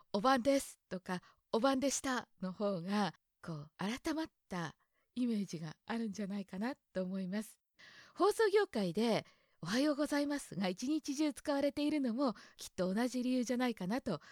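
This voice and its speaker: A woman's voice: a little high, animated, normal speed, a little mellow, dry recording, clean studio sound. A young woman from Hokkaido hosting a casual solo talk show, chatting and musing aloud about words with a light laugh now and then. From Hokkaido, Japan. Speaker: podcast host.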